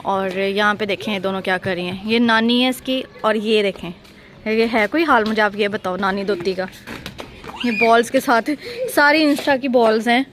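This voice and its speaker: A woman's voice: mid-range voice, normal speed, fairly bright tone, slight background noise. A young woman, chatting casually in a family vlog, often teasing and scolding the children around her. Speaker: family vlogger. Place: home and rooftop, outdoors at times.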